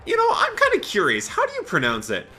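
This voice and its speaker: A man talks through his game run in a chatty, thinking-aloud way and breaks into laughter often. His voice is very bright and sharp, and his pitch swings widely. Faint game music plays underneath. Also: wildly swooping pitch, fast talker. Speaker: Let's Play host. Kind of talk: gameplay commentary.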